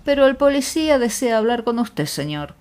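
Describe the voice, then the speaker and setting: Una mujer que lee en audiolibro a un asistente masculino respetuoso y cortés. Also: female voice, fairly low pitch, huge pitch swings, measured pace. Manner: deferential, polite. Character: respectful male manservant.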